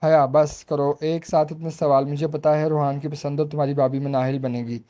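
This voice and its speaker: A man voicing a fond, sensible middle-aged mother, talking calmly in a motherly way. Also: a little high, fairly quick, close to an everyday voice.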